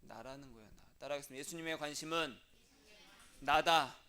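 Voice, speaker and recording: High-voiced pastor preaching animatedly. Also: male voice, a little fast, bright, forceful tone, clean tone. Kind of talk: animated sermon with acted-out quotes.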